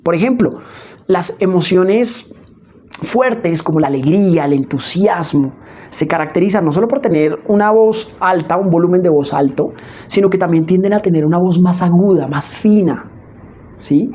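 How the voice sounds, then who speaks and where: Woman coaching speech, dark husky voice. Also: on the low side, moderate pace. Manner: expressive, demonstrates emotions with her voice; frequent checking "¿sí?" asides. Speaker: voice and public speaking coach. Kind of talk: spoken lesson.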